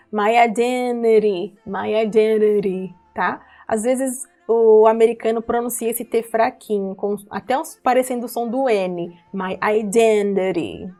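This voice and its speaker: A woman's voice: fairly high pitch, a little mellow. A woman, teaching English pronunciation from song lyrics, patient and repetitive, checking in with her listeners. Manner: patient, repeats words slowly and checks in with listeners.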